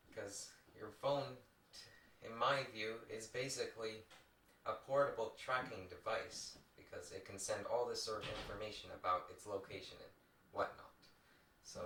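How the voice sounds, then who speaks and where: An echoey, distant home VHS recording of a young man with a fairly low, bright voice. He talks casually to his viewers, halting and circling back over his phrases as he shares his opinions like an amateur vlogger. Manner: halting, rambling delivery with repeated phrases. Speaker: video host. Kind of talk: casual rambling opinion vlog. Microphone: distant microphone, recorded onto a VCR.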